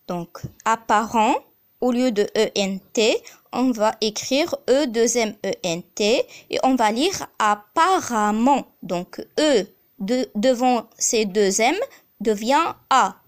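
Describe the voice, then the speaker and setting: A woman teaching a grammar lesson as a voice-over, spelling out letters and repeating each example. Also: a little high.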